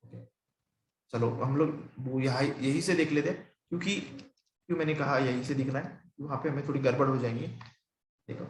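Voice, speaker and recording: A young man from India teaching programming in a relaxed, conversational way, asking and answering his own questions. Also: medium pitch, normal speed, reverberant. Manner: conversational, asks and answers own questions, often checks in with "ठीक है". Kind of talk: screen-recorded coding tutorial.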